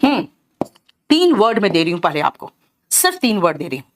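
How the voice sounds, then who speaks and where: A woman's voice: medium pitch, big pitch swings, fairly quick, a little hiss or hum. A middle-aged woman teaching an exam-prep English lesson with an Indian English accent, calling her students "beta" and checking often whether they have understood. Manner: addresses students as "beta", keeps asking "clear?" and "theek hai?".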